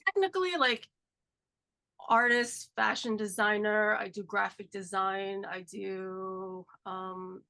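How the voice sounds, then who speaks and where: A gravelly, medium-pitched voice, slow yet pushed and bright, belongs to a podcast host in her forties with a cold-induced nasal sound. She talks casually and chattily, using "like" and "um" constantly.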